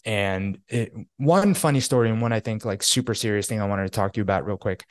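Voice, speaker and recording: A man's voice: on the low side, fast, no echo, studio quality. Chatty man telling a story. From New York. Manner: animated storytelling, many fillers. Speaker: podcast co-host. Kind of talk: casual chat.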